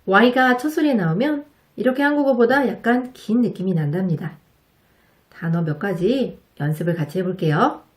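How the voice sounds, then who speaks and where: A woman teaching English pronunciation to Korean speakers, explaining politely and patiently and modeling each sound slowly and clearly. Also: mid-range voice, expressive. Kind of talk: slow, careful instructional narration.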